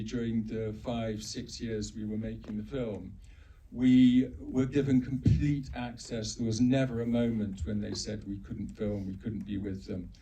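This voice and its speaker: A man's voice: mid-range voice, mellow. A man from Uganda, a film co-director answering audience questions earnestly, repeating words for emphasis. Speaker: film co-director, panel guest. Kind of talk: post-screening Q&A answers. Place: screening venue with live audience. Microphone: handheld mic held too far off. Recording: distant mic with faint noise.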